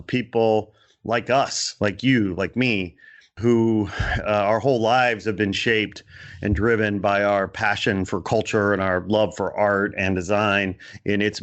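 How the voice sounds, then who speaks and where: A man's voice: fairly low pitch, fairly bright tone. A man hosting a podcast interview over a remote call, enthusiastic and rambling, with many fillers and restarts. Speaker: podcast host. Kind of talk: casual interview chat. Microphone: remote call setup.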